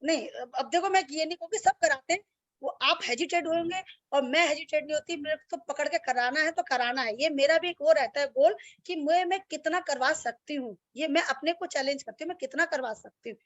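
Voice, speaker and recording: A woman's voice: sits high, fairly quick, a bit bright, no room sound. A woman yoga teacher speaking bluntly and plainly to her students over a video call. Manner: blunt and straightforward, self-described strict. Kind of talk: online class talk with students. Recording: dull lo-fi video call audio.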